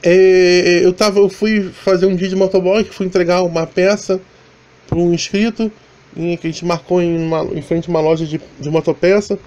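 High-ish voiced guy from rio, rambly casual moto vlog voiceover, lots of restarts. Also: little pitch movement, normal speed, a little mellow, lo-fi sound. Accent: Rio de Janeiro Portuguese. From Brazil. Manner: rambling, chatty, many restarts and fillers. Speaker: motovlogger. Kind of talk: casual voice-over narration. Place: voice-over, not recorded on the ride.

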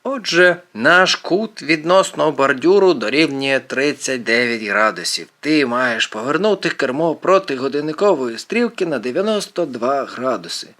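A man's voice: medium pitch, expressive, moderate pace, hardly any pauses, a bit bright, voice pushed up, lightly acted. A man voicing a brainy, precise teenage boy with a fussy, lecturing manner in an audiobook. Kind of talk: audiobook character voice.

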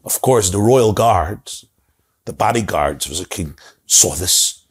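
A man's voice: sits low, animated, slow pace, slightly rough. A middle-aged man telling a story in a dramatic, repetitive way, recorded with a lapel mic in a study lined with bookshelves. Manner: dramatic, repetitive, gesturing broadly. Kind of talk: animated storytelling.

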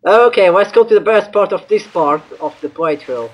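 A man's voice: high-pitched, animated, normal speed, rough recording. A man giving casual, bantering gameplay commentary as a let's-play host, sometimes mock-exasperated. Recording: game music behind. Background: video game music.

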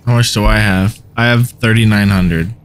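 A man tossing out quick quips and questions while gaming with friends. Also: on the low side, steady tone, slight background noise. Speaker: gamer. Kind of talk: casual gaming banter over voice chat.

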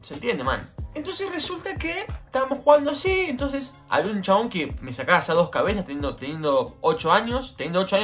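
A man in his twenties with a Rioplatense Argentine accent tells a personal anecdote at home in a casual, slangy vlog. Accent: Rioplatense Argentine Spanish. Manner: animated, slangy, jumps in pitch when telling the story. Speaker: vlogger.

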